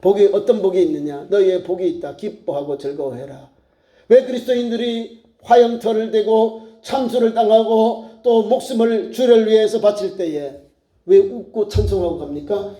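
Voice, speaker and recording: High-voiced Korean preaching man. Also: normal speed, warm tone, roomy sound. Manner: emphatic preaching with rising and falling delivery. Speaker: pastor. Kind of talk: sermon.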